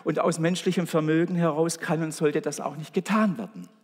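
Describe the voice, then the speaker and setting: A male preacher with a slightly high, husky voice gives a sermon in an earnest, storytelling style, often addressing his congregation directly. His tone stays steady and his pace is a little fast, and the long reverb of a large hall surrounds him.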